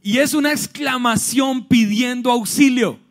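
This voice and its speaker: A male pastor preaching a lively sermon to a large church congregation, with bursts of shouting and acted-out scenes. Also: extremely high pitch, a little slow, soft background music. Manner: animated preaching, shouts and acts out scenes with humor.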